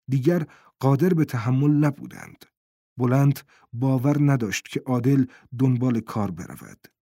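Guy narrating a novel, steady, middle pitch, dead dry studio sound. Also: no echo. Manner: steady storytelling delivery. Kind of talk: audiobook narration.

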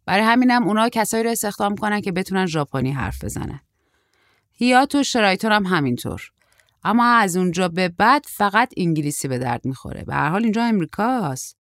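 A woman's voice: fairly low pitch, lively intonation, no echo, lightly acted. A woman voicing a brusque, terse middle-aged woman who talks in a dry, impatient way.

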